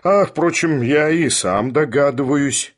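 A man doing a stern, weary old professor. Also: on the high side. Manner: measured, heavy, cutting. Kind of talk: audiobook character voice.

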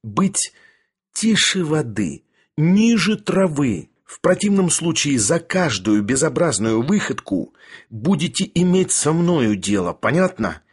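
A man voicing a steely young male doctor who speaks in a cold, commanding, deliberate way, with a husky voice. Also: on the high side, big pitch swings, voice pushed up, heavily acted. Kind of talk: audiobook character voice.

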